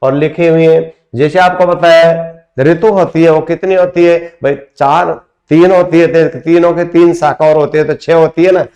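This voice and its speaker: A man's voice: a little high, fairly even intonation, moderate pace, a little mellow, lo-fi sound. A man teaching a grammar lesson at a whiteboard, explaining step by step and asking his students rhetorical questions. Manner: addresses students as friends.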